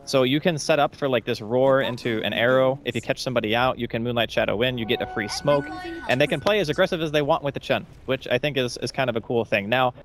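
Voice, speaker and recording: A man giving color commentary on an esports match, explaining strategy in a rapid, conversational way. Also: medium pitch, a little hiss or hum. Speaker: esports analyst.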